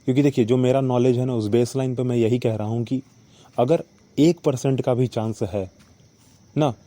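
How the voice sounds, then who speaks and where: A man's voice: mid-range voice, steady tone, moderate pace, dark tone. A man hosting his own podcast, talking through a story in a casual, reflective monologue and often checking in with short tags like "okay" and "right". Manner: reflective, repeats points with "ठीक है" and "ना". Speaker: podcast host.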